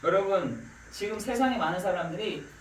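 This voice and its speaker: Male pastor, expressive swooping sermon delivery, slightly high voice, distant mic in a reverberant church. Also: a little fast, slight background noise. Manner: animated preaching, acts out questions to God. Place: church sanctuary.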